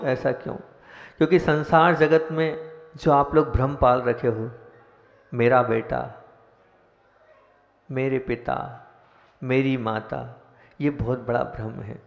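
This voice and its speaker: Brief: man, mid pitch, patient teaching sermon, echoey hall, dull lo-fi sound. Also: creaky. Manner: teaching, asks the audience questions, explains step by step. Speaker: senior monk giving discourse. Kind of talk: devotional sermon.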